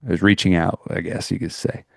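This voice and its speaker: A man's voice: low-pitched, level tone, a little fast, creaky, darkish tone, no echo, studio quality. A middle-aged man co-hosting a podcast, telling a personal story in a rambling, earnest way with many restarts. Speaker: podcast co-host. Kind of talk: casual chat, storytelling.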